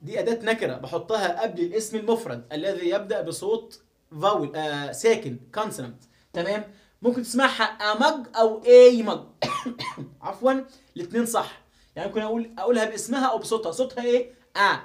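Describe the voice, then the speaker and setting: A man with an Egyptian Arabic accent leads a live online phonics class. His voice sits high for a man, and he drills words and sounds over and over, patiently correcting how they are said. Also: animated, fast. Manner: repetitive, drills pronunciation over and over. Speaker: English teacher.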